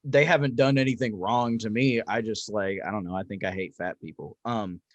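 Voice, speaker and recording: Young man, twenties, podcast co-host, profane, animated storyteller, dead dry sound. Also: fairly low pitch, brisk, dry recording. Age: 20s. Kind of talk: casual chat. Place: apartment room.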